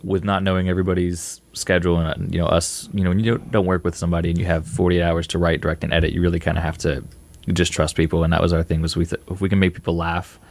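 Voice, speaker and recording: Young guy filmmaker, deep gravelly voice, talks fast and rambly with lots of ums. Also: dry recording. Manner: relaxed, rambling, fast talker with fillers. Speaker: filmmaker guest. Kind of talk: casual interview answers.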